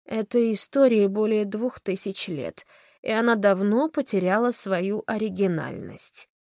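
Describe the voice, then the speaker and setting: A woman reading an audiobook, voicing a haughty, hungover woman editor who speaks weakly and slowly. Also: medium pitch, darkish tone, dry recording, clean studio sound, voice pushed up, close to an everyday voice. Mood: languid. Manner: languid, weak-voiced, then icy.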